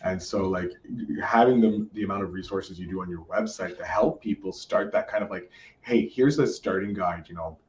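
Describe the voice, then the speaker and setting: Speaking at a normal speed with few pauses, this Canadian podcast host has a low, slightly mellow voice and keeps the interview chat casual, eager, and full of restarted sentences. The distant mic gives an echoey, roomy, lo-fi sound.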